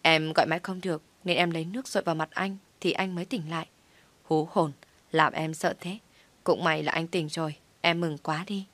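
A woman voicing a bossy, hot-tempered young wife who scolds with sharp questions. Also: low-pitched, fairly even intonation, brisk, dry recording. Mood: relieved.

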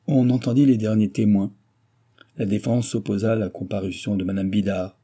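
A man narrating a classic novel in a steady, measured reading. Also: lowish voice, breathy edge. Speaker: audiobook narrator. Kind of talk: scripted narration.

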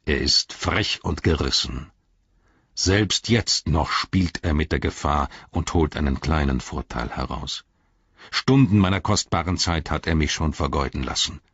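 A man playing a stern old wizard with a very deep, husky, measured voice. It sits dry and close, with a slightly dull sound. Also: a bit bright, no echo, exaggerated voice. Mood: grave. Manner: low, grave, measured.

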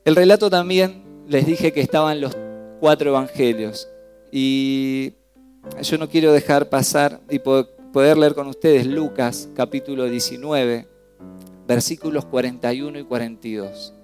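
A man with an Argentine accent preaching a sermon in church, swinging between loud exclamations and hushed, low lines. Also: fairly even intonation, unhurried, faint music behind. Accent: Argentine Spanish. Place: church service.

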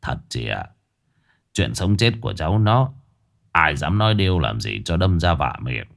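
A worried older village man, as a man puts him on in a ghost story, his voice dropped low and hushed. He hesitates and stammers over his words. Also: sing-song, normal speed, creaky, full character voice.

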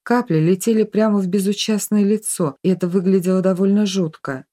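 A woman reading a novel aloud as an audiobook narrator, in even storytelling. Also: mid-range voice, brisk. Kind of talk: scripted narration.

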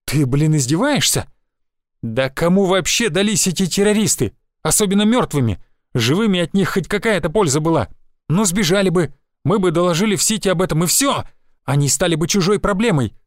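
A furious, foul-mouthed woman gang boss in an audiobook, yelling and cursing, as a male narrator raises his voice for her. Her lines come out pitched high and loud, in a dry, close sound. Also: big pitch swings, normal speed, dry recording. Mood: indignant. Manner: shouting, swearing, indignant.

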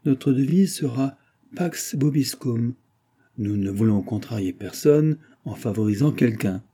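A man reading an audiobook and voicing a pompous, lecturing brewer's clerk who talks loudly and emphatically. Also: mid-range voice, animated, measured pace, slightly rough. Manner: lecturing, self-important, emphatic.

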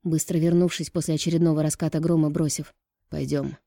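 A woman narrating an audiobook in a calm, even reading voice. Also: low-pitched, quick pace, no room sound, clean studio sound.

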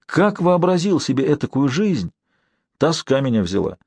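A man's voice: fairly high pitch, sing-song, normal speed, darkish tone, breathy edge, no echo, pitched above the performer's own voice, exaggerated voice. A man voicing a swaggering warrior prince in an audiobook, sly and teasing, with a wheedling tone. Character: swaggering prince, sly, mocking, restless adventurer.

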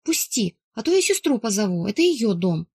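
A woman's voice: medium pitch, very animated, normal speed, a little mellow, husky, no room sound. A woman voicing a naive teenage younger sister who whines and pleads through tears, in an audiobook read in a dry room. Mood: pleading. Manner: whiny, tearful pleading.

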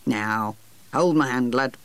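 A man doing a gruff old self-made boss. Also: medium pitch, takes it slowly, fairly bright tone, no room sound, pitched below the performer's own voice. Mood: matter-of-fact. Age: older. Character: older blunt self-made male boss.

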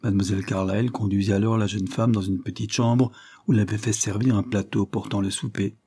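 An audiobook narrator reads a novel in a measured, even storytelling manner. His voice is on the low side with a breathy edge.

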